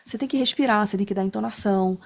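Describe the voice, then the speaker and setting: Talking very fast with vocal fry, a woman with a medium-pitched voice teaches a class online. Her style is casual and chatty, full of fillers like né and tá, and she frequently adds little check-ins to her sentences.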